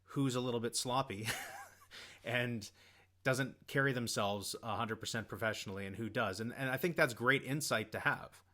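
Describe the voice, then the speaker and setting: Bright-voiced man hosting an interview. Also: mid-range voice, normal speed. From Canada. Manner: friendly, leading questions with summaries. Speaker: podcast host. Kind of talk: casual interview. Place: Toronto-area.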